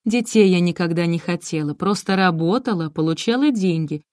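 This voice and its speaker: A woman's voice: lowish voice, a little fast, a little mellow, no echo, studio quality, lightly acted. A woman reading the lines of a cold, condescending middle-aged woman who never wanted her children, in an audiobook. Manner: cool, dismissive, condescending.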